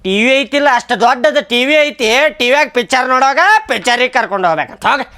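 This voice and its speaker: A woman's voice: sits high, fast talker, noisy background. A woman playing a grumpy, dismissive husband. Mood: grumbling. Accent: North Karnataka Kannada. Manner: grumbling, dismissive. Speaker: comedy sketch actor. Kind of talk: comic sketch acting.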